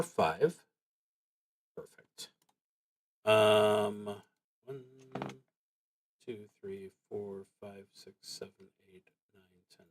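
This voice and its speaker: With a fairly low voice, a man walks through his own solo tabletop roleplaying game, haltingly puzzling things out aloud and muttering to himself in a relaxed, casual manner.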